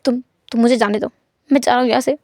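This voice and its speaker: A woman's voice: a little high, fairly even intonation, fast, mellow, no echo, clean studio sound. A woman voicing a shy, easily embarrassed young man in a storytelling fan fiction, stammering and protesting. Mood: flustered.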